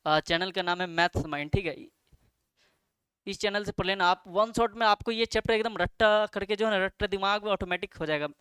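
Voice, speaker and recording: A man's voice: sits high, brisk, pushed and bright, clear, resonant tone, no room sound. A young man giving exam study advice to students in a casual, chatty way, with many fillers and self-corrections. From India. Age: young adult. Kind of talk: casual study-plan talk to camera.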